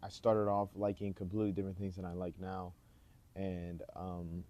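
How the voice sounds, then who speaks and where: Standing outside with rain close by, a vlogger in his 20s rambles casually through a self-introduction, leaning on lots of fillers. He speaks low and at a moderate pace.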